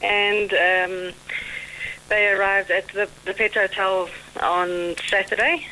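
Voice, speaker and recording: A woman's voice: mid-range voice, fairly even intonation, slow pace, sharp tone, a little hiss or hum, low-quality recording. A woman with a South African accent calling a radio show, telling her story hesitantly with many ums. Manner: hesitant, full of ums, laughs easily. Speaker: caller. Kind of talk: phone-in call.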